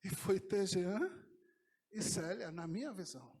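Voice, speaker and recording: A man preaches in a church. His delivery is impassioned, dropping to near whispers and then rising to shouted declarations. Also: sits high, lively intonation, a little slow, slightly rough. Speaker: pastor. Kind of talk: sermon. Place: church sanctuary.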